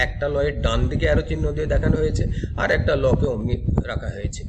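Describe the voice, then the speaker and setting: A man's voice: a little high, a little hiss or hum. A male teacher giving a grammar lecture, explaining step by step and asking and answering his own questions. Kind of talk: classroom lecture.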